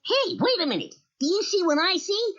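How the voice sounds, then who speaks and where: A man voicing an excitable, whiny vampire duck count with a squeaky voice in a cartoon audio story. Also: fairly quick. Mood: wailing, amazed. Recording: muffled old audio cassette.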